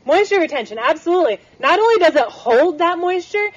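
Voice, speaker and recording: A woman soil scientist giving an energetic, passionate talk outdoors, quizzing her audience. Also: extremely high pitch, fairly quick. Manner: energetic, passionate, engaging the crowd with questions. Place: outdoors on grass under trees. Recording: outdoor talk through a speaker system, lo-fi. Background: wind and chirping birds.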